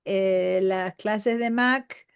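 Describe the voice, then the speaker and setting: A woman chatting casually as she explains class schedules, with fillers and pauses. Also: medium pitch, fairly even intonation, gravelly, smooth. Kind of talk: casual conversation.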